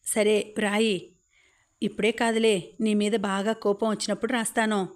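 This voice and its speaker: A woman reading the lines of a calm, reserved young man in an audiobook, in a plain, measured delivery. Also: mid-range voice, lightly acted.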